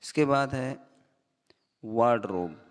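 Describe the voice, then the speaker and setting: Slow-talking man teaching vocabulary. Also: mid-range voice, in a large hall. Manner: slow, reads English definitions word by word, then explains. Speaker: English teacher. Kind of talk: vocabulary lesson.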